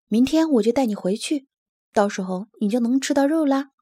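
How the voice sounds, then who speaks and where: A woman voicing a kind, steady young male polar bear cub in a storybook reading, gentle and reassuring. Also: fairly high pitch, a little fast, slightly rough, dry recording, studio quality.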